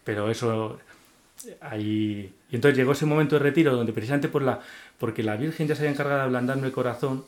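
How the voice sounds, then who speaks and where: A man's voice: medium pitch, fast talker. Earnest man telling his faith story. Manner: earnest and heartfelt, with many restarts and repeated words. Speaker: guest giving a faith testimony. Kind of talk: emotional personal testimony in an interview.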